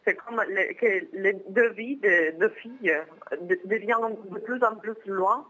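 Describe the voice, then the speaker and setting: A woman's voice: mid-range voice, unhurried, slight background noise. A young woman from Milan with an Italian accent, speaking French as a phone guest, hesitant and searching for words. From Milan, northern Italy. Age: young adult. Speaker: phone guest, former exchange student. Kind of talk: phone interview. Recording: muffled phone line.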